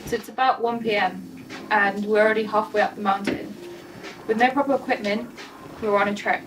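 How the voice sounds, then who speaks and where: A young woman reading a personal adventure story in a lively storytelling manner. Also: mid-range voice, brisk. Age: young adult. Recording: distant mic with noise.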